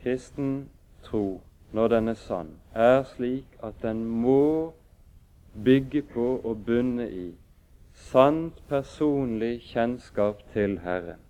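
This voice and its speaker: A man preaching a sermon and reading scripture aloud in a measured, solemn way with pauses. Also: medium pitch, dark tone, smooth. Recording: dull lo-fi recording.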